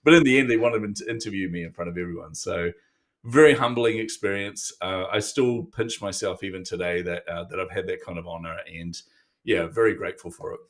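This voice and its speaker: A man from New Zealand, a neuromarketing coach guest on an interview, telling stories in a casual, animated way and acting out the exchanges he quotes. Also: deep voice, fairly quick.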